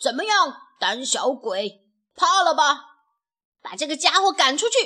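A woman voicing a brave, hot-headed young rooster in a children's story, loud and defiant. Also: sits high, very animated, normal speed, voice pushed up. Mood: taunting.

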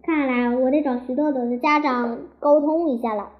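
A woman's voice: high voice, steady tone, normal speed, highs cut off, close to an everyday voice. A woman voicing an exasperated mother who chides her child. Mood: chiding.

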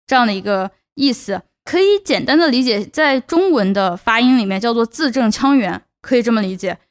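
On her casual one-person podcast, the young Chongqing host gives earnest advice in a fairly high voice. Her intonation is lively and her pace fairly quick, and she hammers points home through repetition.

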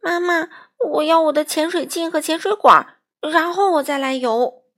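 A woman voicing a small, scared young male frog who cries out and pleads in a shrill voice. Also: fairly even intonation, slow, a bit bright. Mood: whiny pleading.

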